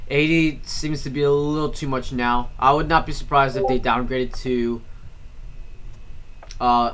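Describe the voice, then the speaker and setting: A man talks through live storm coverage in a loose, rambling way. He corrects himself often and fills the pauses with "uh" and "um". His voice sits at a middle pitch. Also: fairly bright tone. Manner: casual, rambling, frequent fillers and self-corrections. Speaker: storm streamer. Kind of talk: live weather stream commentary.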